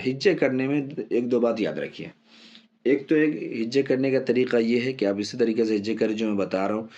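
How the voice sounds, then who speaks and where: A patient man teaches a step-by-step reading lesson. His voice is mellow and a little dark, and he slows right down to spell out each syllable and stretch the long vowels. The recording sounds dull and lo-fi. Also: mid-range voice. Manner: patient, repeats syllables slowly and drawn out. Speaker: Quran recitation teacher.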